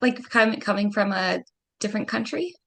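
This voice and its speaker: A woman's voice: medium pitch, animated, normal speed, gravelly. A woman from Canada hosting a podcast, asking questions in an encouraging, casual way with fillers. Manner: warm-hearted, encouraging, with fillers. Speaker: podcast host. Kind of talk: casual interview chat.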